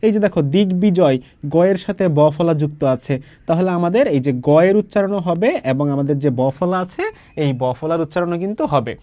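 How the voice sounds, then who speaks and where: A young man from Bangladesh leads a grammar lesson for exam students. His voice sits high and is recorded dry and close, with no room around it. He explains patiently, point by point, often posing a question and then answering it himself. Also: fast, warm tone, dry recording, lo-fi sound. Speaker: teacher.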